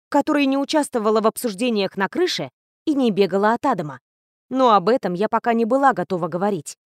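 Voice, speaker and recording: A woman's voice: a little high, a little mellow, no room sound, clean studio sound. Woman narrating an audiobook. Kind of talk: first-person scripted narration.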